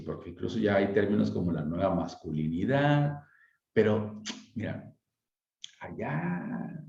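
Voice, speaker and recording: A man with a deep, gravelly voice talks conversationally, asking rhetorical questions as he explains. His tone is dark and mellow. The sound is dull and lo-fi, with noticeable room echo. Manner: reflective, asks rhetorical questions, frequent tag questions. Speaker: speaker on emotional wellbeing.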